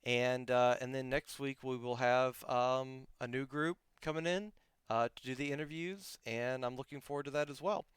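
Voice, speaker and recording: A man hosts a casual streamed podcast interview, talking in a clear, smooth voice with a dry, close sound. He rambles, restarts his sentences and leans on fillers as he goes. His voice sounds a little worn. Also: mid-range voice, steady tone, moderate pace, no echo. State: losing his voice. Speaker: podcast host.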